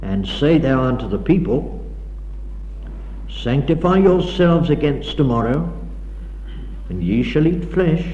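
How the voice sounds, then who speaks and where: On an old 1960s tape, a man reads scripture in a slow, mellow voice that swings widely in pitch as he declaims. The sound is dull and echoes with a long hall reverb. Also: big pitch swings, a little hiss or hum. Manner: dramatic, declaiming reading of scripture. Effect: old 1960s tape recording. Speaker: preacher. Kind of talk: sermon with scripture reading. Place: lecture hall.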